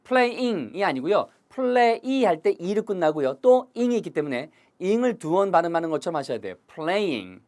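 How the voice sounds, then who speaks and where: Animated teacher checking in with viewers. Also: medium pitch, quick pace, few pauses. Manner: lively, keeps checking in with viewers. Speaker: English teacher. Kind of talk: recorded video lesson.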